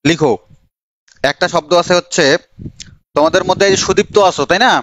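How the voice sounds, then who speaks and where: Young guy teaching online class, talks fast, teases students by name, kinda high voice. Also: a bit bright, dry recording. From Bangladesh. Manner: chatty, teasing, calls on students by name. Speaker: admission coaching teacher. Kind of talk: live online grammar class.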